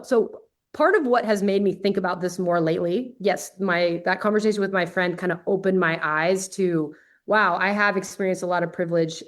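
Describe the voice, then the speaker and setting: Chatty woman telling a surf story. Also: lowish voice. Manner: chatty, candid, peppered with "like". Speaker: podcast guest. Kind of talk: casual storytelling in conversation.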